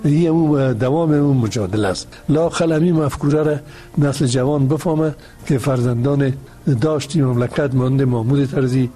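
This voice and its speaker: A man's voice: mid-range voice, mellow, soft background music. A male guest, answering an interview question earnestly and hesitantly, with frequent restarts.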